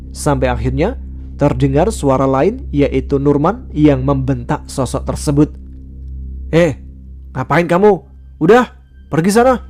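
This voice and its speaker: Mellow-voiced man narrating a horror story. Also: medium pitch. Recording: faint background music.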